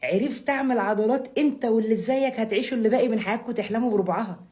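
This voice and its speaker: Very fast-talking, mellow Egyptian woman. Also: a little high. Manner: boastful, defiant. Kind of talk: casual talk to camera.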